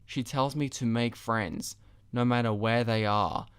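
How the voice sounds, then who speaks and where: A man narrating a first-person story as a scripted dramatic reading, measured and drawing out some phrases. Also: medium pitch, a bit bright, clean tone.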